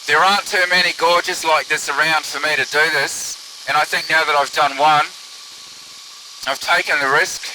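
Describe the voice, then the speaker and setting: Casting: man, somewhat high voice, casual musing pilot talking over the radio from a noisy open aircraft. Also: normal speed. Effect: pilot's headset or radio sound. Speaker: microlight pilot filming own flight. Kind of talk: casual running cockpit commentary. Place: open microlight aircraft in flight. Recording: steady aircraft engine and wind hiss.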